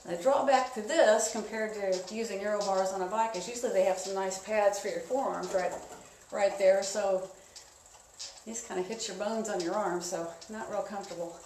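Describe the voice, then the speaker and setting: A woman instructing an indoor spin class in a casual, conversational coaching style, giving gently encouraging cues. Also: medium pitch, normal speed. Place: indoors, echoey room. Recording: echoey room, distant mic, clear noise.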